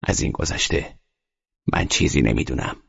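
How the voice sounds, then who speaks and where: A man reading an audiobook, voicing a rude, dismissive building concierge with a gravelly tone. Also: a bass voice, full character voice. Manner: curt, dismissive. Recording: muffled audio with long reverb.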